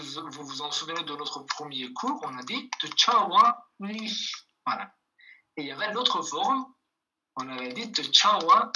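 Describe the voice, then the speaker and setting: Slow, patient man teaching online. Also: on the high side, sharp tone, rough recording. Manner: patient, repeats each example, checks in with "ok?" and "voilà". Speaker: language teacher. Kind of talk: online language lesson.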